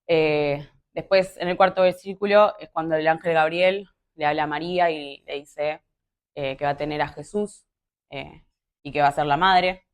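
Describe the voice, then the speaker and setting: A woman's voice: low voice, fairly even intonation, moderate pace, clear, resonant tone. A young woman with a Rioplatense Spanish accent, giving a casual, conversational sermon full of fillers and asides. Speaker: youth preacher.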